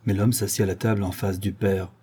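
A man narrating an audiobook in a steady, measured storytelling manner. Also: low-pitched, husky. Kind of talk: scripted narration.

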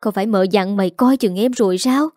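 A woman voicing the sharp, commanding mistress of a rich household in a storybook. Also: medium pitch, brisk, dry recording, clean studio sound, close to an everyday voice. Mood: angry.

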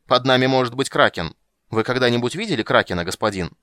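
A man voicing a stubborn, gruff sea captain who talks back defiantly. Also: mid-range voice, lively intonation, fast, a bit bright, dry recording, clean studio sound, voice pushed up, close to an everyday voice.

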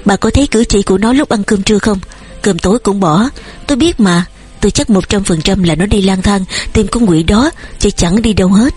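A woman's voice: mid-range voice, fairly quick, slightly rough, soft background music, lightly acted. Woman reading as an angry old farmer father. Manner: shouting, scolding.

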